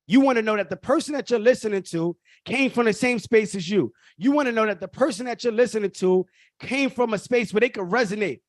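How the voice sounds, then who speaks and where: Recorded with studio quality and no room sound, this workshop host, a man from Brooklyn in his 30s, talks briskly in a high voice during a live online session. He repeats himself emphatically and calls his audience "y'all."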